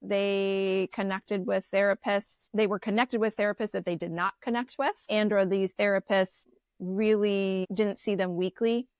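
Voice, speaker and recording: A woman's voice: medium pitch, a little slow, smooth, no echo. Woman therapist chatting on a podcast, candid, lots of restarts, dry close mic. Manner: animated, candid, many restarts. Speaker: therapist guest. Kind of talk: conversational storytelling interview.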